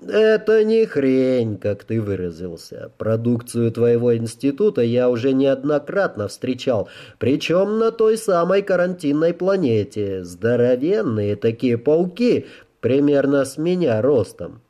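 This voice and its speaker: A man's voice: medium pitch, very animated, measured pace, dark tone, dull audio, pitched above the performer's own voice. A man voicing a hard, commanding male leader who speaks curtly and with cold menace, in an audiobook. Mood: cold menacing. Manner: curt and brusque.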